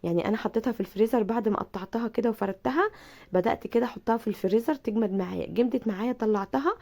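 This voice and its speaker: A woman with an Egyptian Arabic accent, hoarse from a bad cold, chatting through a cooking tutorial and speaking warmly to her viewers. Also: a little high, racing. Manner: chatty, repeats herself, addresses viewers affectionately. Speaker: cooking channel host.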